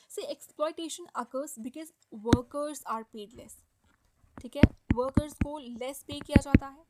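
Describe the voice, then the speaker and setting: A woman with a high voice gives a patient exam-prep lecture, moving between Hindi and English. She draws out important terms slowly and keeps checking that her students are following. Loud background noise and clicks run under her voice. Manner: explanatory, checks in with "okay?" and "ठीक है?" often; slows down to stress English key terms. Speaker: sociology teacher.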